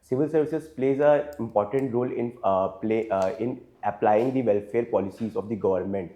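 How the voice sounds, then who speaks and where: At a moderate pace, a man with a dark, lowish voice and an Indian English accent answers interview questions formally. In his twenties, this candidate is hesitant and deferential, relying on lots of fillers and saying "sir" often.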